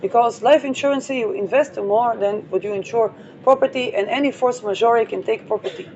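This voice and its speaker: This astrology host's fairly high voice is brisk and slightly mellow. She rambles and digresses, tossing in playful asides and many fillers, and the recording is dull and lo-fi with vehicle noise.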